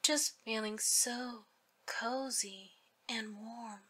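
Female hypnosis guide, whispered delivery, crisp bright tone, unhurried and soothing. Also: on the high side, steady tone. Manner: slow, soothing, drawn-out phrases.

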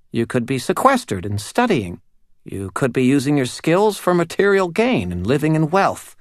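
A man's voice: medium pitch, dry recording, studio quality, voice pushed up. A male narrator voicing a small, prim female doll spirit who questions solemnly.

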